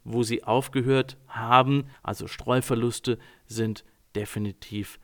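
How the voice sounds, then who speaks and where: A man working as a communication coach, talking calmly and directly to his listeners, addressing them formally. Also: mid-range voice, a little slow. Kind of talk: informal talk to listeners.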